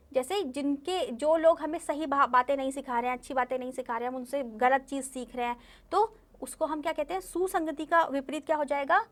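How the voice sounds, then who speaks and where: Woman teacher, high voice, patient, repeats and quizzes kids, young. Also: a bit bright. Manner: patient, repeats herself, asks the children questions. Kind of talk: online class lesson.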